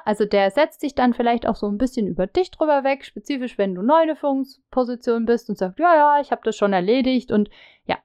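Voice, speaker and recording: A woman's voice: a little high, a little mellow, clear, resonant tone, no room sound. A woman explaining a feedback method in a friendly teaching tone, speaking straight to the listener and acting out sample phrases. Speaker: leadership coach.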